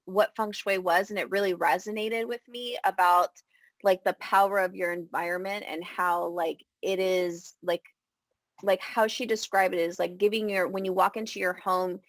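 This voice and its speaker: Guest type: woman in her thirties from California, gravelly voice, dry close sound, relaxed and chatty. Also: on the low side, no echo. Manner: relaxed, chatty, says "like" a lot, acts out her own thoughts. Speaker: feng shui consultant, guest. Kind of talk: casual interview.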